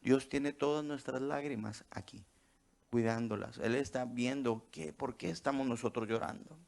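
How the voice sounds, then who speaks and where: Gravelly-voiced male pastor preaching. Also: mid-range voice, moderate pace, darkish tone. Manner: asks rhetorical questions, checks in with the congregation. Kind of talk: sermon.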